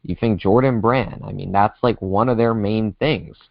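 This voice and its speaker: A man's voice: on the low side, moderate pace, gravelly, dry recording, highs cut off. A male podcast co-host in casual sports chat, ranting heatedly and swearing, heard over a remote call that cuts out. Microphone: remote call with a dropping connection.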